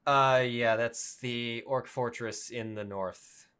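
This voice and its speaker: A man's voice: medium pitch, steady tone, slow, fairly bright tone, smooth. A man running a tabletop game over voice chat, rambling with lots of fillers. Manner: rambling, filler-heavy, laughing. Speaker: game master.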